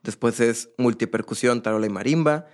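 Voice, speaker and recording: A man's voice: mid-range voice, fairly quick. A young man, a percussionist guest, telling his story in a casual, rambling way with many fillers and restarts.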